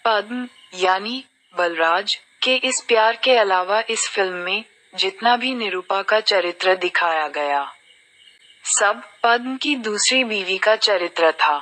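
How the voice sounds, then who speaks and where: A woman's voice: mid-range voice, slow pace, bright, forceful tone, poor audio. A woman narrating a film review in a reflective, storytelling manner.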